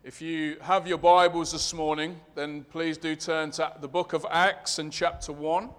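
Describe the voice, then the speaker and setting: A man with a Leicester accent delivers a sermon in a large, reverberant hall. His voice sits high for a man and comes across crisp and clean. He explains things in measured, short phrases. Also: little pitch movement, fairly bright tone. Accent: English East Midlands, Leicester. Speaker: preacher. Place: large reverberant room, preaching to a congregation. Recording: long reverberant hall sound.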